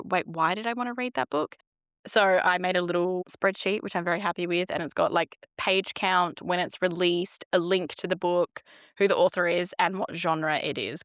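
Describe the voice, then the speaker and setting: A woman's voice: on the low side, no room sound, studio quality. A woman co-hosting a podcast, chatting casually about books in an informal, rambling way and often quoting herself. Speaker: podcast co-host.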